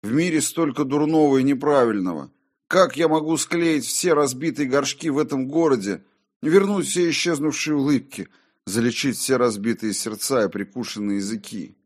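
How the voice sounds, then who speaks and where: Voicing a medieval mason gripped by terror, an audiobook narrator with a fairly low voice pleads, strains and cries out in fright and desperation. The performance is lightly acted at a moderate pace.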